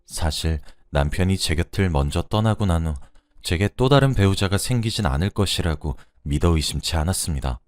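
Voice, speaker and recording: A man's voice: deep voice, expressive, brisk, darkish tone, no room sound, clean studio sound. A man reading out a first-person true story as scripted narration.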